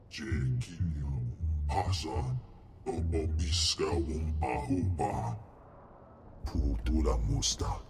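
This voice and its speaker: For a video game, an actor voices a huge male Hutt crime boss, speaking an invented alien language in a booming, guttural, self-important way. The mood is ponderous and scheming.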